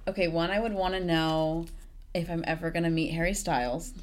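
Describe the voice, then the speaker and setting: A young woman from Texas joins a friend's podcast as a guest, giggly and a bit dramatic. Her voice is on the lower side for a woman, and her talk is loose and full of "like.". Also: fairly even intonation, a little fast, a little mellow. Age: young adult. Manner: giggly, dramatic, filler-heavy. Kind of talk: casual chat.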